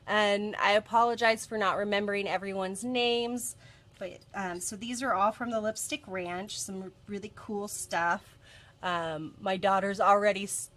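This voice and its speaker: Slightly congested from a cold, a woman in her thirties chats her way through a casual bead shop live stream, often saying um and restarting. Her voice is mid-range and fairly bright, coming from a cluttered indoor office workroom.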